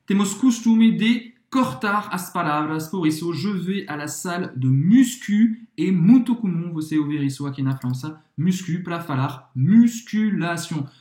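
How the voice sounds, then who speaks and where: French male co-host with French accent, playful, slow delivery, roomy echo. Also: a little high, expressive, darkish tone. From France. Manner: playful, repeats French words slowly. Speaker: French teacher. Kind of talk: casual language lesson.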